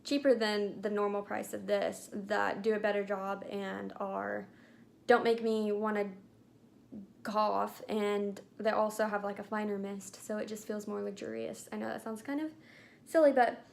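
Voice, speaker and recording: A woman's voice: mid-range voice, little pitch movement, unhurried, gravelly. A young woman chatting casually about makeup, rambling with lots of filler words. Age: young adult. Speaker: beauty vlogger. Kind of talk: casual chat.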